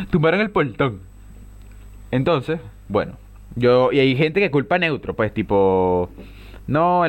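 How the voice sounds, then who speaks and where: A young man with a Venezuelan Spanish accent, hosting a casual solo podcast, talking in heavy slang, exasperated and full of rhetorical questions. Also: lowish voice. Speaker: podcast host.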